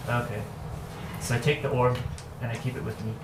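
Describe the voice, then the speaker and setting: A man's voice: medium pitch, little pitch movement, a little fast, music in the background. Hesitant young man player, far from the mic in an echoey room. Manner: hesitant questions, fillers. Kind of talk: casual tabletop play. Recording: echoey room, distant mic, background noise.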